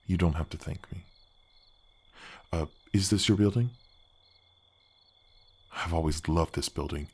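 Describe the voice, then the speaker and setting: In this soft, conversational ASMR fantasy piece, a man plays a large, helpful male gargoyle, his very deep voice pushed lower still by a pitch effect. He speaks earnestly and courteously at a measured pace with frequent pauses and a slightly rough edge, his faltering phrasing making him a kind, bashful guardian.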